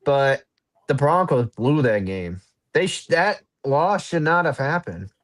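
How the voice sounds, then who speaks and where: A man's voice: a little high, big pitch swings, measured pace. Hesitant, rambling man on sports talk. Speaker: panelist. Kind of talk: casual sports chat.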